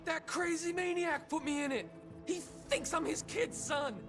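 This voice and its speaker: Whiny panicked captive in a game, super high voice, music behind. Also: male voice, normal speed, a bit bright. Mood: panicked, indignant. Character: indignant kidnapped grown man, panicky and whining. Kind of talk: video game acting.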